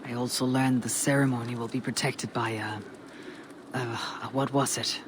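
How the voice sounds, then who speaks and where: A woman's voice: a bass voice, level tone, a little fast. A wary Norse warrior woman. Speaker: Viking protagonist. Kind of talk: video game cutscene dialogue. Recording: game audio under clear ambient noise.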